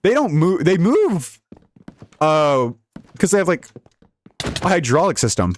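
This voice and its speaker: A man's voice: a little high, sing-song, unhurried, slight background noise. A young man giving casual, jokey, rambling commentary while playing a video game. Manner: rambling, jokey, laughs often. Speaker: gaming YouTuber.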